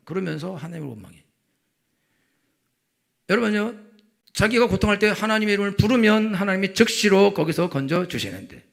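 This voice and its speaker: A man preaching a Sunday sermon as senior pastor, firing rhetorical questions and building to loud passages. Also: high voice, vocal fry. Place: church sanctuary.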